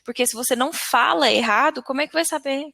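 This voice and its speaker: A woman's voice: high-pitched, quick pace, vocal fry, no room sound. A woman who teaches English online, chatting casually in an interview and laughing often. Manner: lively, laughs often, acts out quotes of students.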